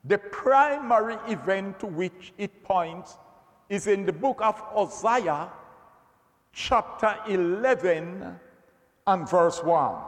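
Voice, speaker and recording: A male Bible teacher speaks very slowly and deliberately, stressing each phrase and doubling back on his words. His voice sits fairly high. The room has a long, echoing reverb. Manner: slow, emphatic, repeats words. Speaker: preacher.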